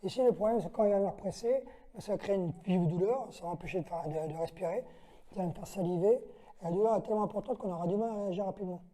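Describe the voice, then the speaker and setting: Mellow-voiced man teaching self-defense. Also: sits high, rapid-fire. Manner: methodical, counts out moves and checks in with "d'accord?"; gives short commands to a training partner. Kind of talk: demonstration lesson.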